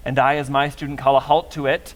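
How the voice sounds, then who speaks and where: Thoughtful young actor explaining a scene. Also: male voice, mid-range voice, level tone, quick pace. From Arizona. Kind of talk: answering audience questions.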